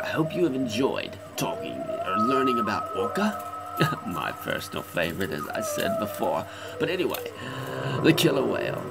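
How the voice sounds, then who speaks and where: A man presenting a children's nature lesson in a theatrical host manner, with quaint turns of phrase. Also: on the low side. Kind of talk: children's educational narration. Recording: loud background noise.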